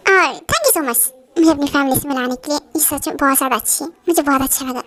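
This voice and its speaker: A young woman voicing a shy, emotional female office employee in an amateur Hindi fan dub, speaking softly and politely, often close to tears. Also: high voice, fast. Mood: tearful. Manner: soft, tearful, polite pleading.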